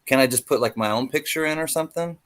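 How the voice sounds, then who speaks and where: A man's voice: mid-range voice, fast talker, a bit bright. A man co-hosting a casual livestream, chatting in a friendly, slightly hesitant way. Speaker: livestream co-host.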